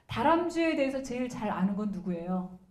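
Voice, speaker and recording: A woman's voice: on the high side, big pitch swings, a little fast, darkish tone, echoey room. A woman professor giving a lecture, asking questions and answering them herself.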